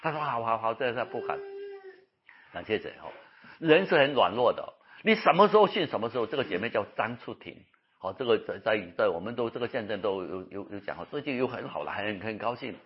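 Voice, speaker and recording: Male preacher, husky, lively sermon delivery that repeats phrases, lo-fi sound. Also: fairly low pitch, fast talker. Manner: animated storytelling, repeating phrases. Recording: dull lo-fi recording.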